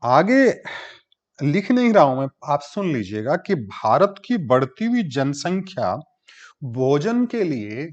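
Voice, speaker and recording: A man's voice: a little high, sing-song, takes it slowly, a little mellow. A man giving a classroom lecture, explaining step by step and answering his own questions. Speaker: teacher. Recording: dull lo-fi recording.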